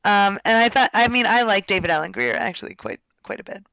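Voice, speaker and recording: A woman's voice: medium pitch, fast, vocal fry, sharp tone, no room sound, poor audio. A young woman co-hosting a podcast in casual chat, wry and teasing, laughing often. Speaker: podcast co-host.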